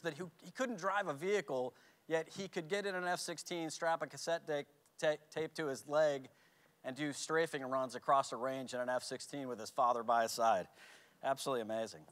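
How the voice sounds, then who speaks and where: Bright, crisp man joking at a ceremony. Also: medium pitch. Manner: playful, joking speaker at a ceremony. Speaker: speaker at a ceremony.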